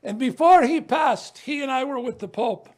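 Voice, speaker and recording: A man with a high-pitched voice gives impassioned testimony at a news conference. He is emphatic, sinks to a near-hush on painful memories and surges on defiant points, with the odd stumble and restart. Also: moderate pace. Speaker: ministry leader speaking at a news conference.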